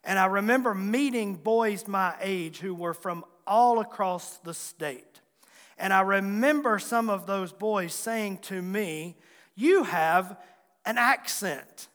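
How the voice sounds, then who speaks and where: A man's voice: high-pitched, slow, fairly bright tone. A man in his forties, a pastor with a Southwest Virginia accent, preaching a sermon in a folksy, self-deprecating way and joking with his congregation. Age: 40s. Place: church sanctuary. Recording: long hall reverb.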